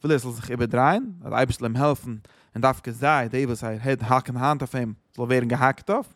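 A man's voice: mid-range voice, fairly even intonation, rapid-fire, a bit bright, no room sound, clean studio sound. A man explaining a psalm chapter, quoting verses and translating them with many restarts. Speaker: Torah teacher.

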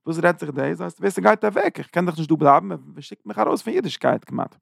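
A man giving an informal Bible lesson, retelling the story in loose, halting phrases. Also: fairly high pitch, lively intonation, vocal fry, dry recording, studio quality. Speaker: Bible teacher.

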